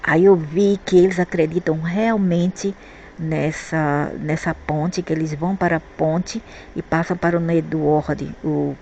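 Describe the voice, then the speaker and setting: A Brazilian spiritual vlogger with a low, steady, darkish voice speaks a little slowly as she tells a rambling personal story about spirits and the afterlife. She frequently repeats words while searching for the right one. The recording is muffled, with a little hiss or hum.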